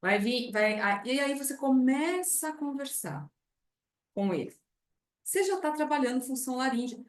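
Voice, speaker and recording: A Brazilian woman teaching speech therapists, lively, acting out how she talks to a patient at the bedside. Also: high voice, normal speed, reverberant. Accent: Brazilian Portuguese. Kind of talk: clinical lesson with acted patient dialogue.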